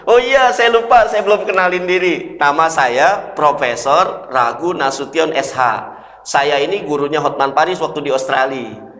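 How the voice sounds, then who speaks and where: A man voicing a boastful male professor lawyer who introduces himself slowly and self-importantly, in an echoey prayer hall. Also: a little high, a bit bright, lightly acted.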